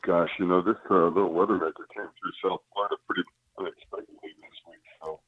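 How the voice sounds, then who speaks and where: Deep-voiced man on a crackly phone line. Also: fairly even intonation, fast, husky. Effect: crackly phone line that fades in and out. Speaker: fishing guest calling in. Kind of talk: casual radio chat.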